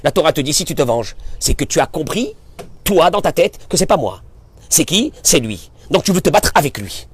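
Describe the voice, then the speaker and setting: A rabbi giving an impassioned sermon, swinging from quiet talk to shouting and acting out exchanges his listeners. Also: fairly high pitch, big pitch swings, normal speed, husky. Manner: acts out dialogue with listeners, addresses them familiarly. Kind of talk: animated sermon.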